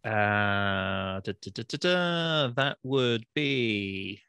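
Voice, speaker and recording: A man's voice: fairly low pitch, animated, drawn-out words, gravelly, pushed and bright, smooth, no room sound. A man playing a tabletop game on a video call, matter-of-fact as he counts up dice rolls. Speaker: player. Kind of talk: casual game talk.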